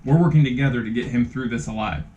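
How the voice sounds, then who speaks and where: A man's voice: medium pitch, fast, dark tone, muffled recording, a little hiss or hum. A man running a tabletop game as game master, talking in a casual, rambling way with frequent fillers. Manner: chatty and rambling, with many fillers. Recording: roomy echo.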